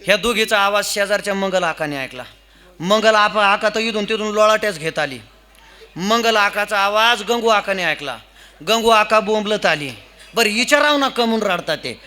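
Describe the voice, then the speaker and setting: A man's voice: high voice, normal speed, sharp tone. A man preaching a humorous devotional kirtan sermon, telling a village story and chanting verses.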